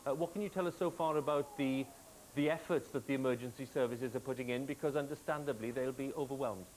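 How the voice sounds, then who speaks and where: A British man presenting live television news, measured and formal, heard from a worn VHS tape copy. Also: medium pitch, darkish tone, poor audio. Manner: measured, formal hand-offs to correspondents. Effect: worn VHS tape copy with hiss. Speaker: news anchor. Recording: hissy worn videotape copy.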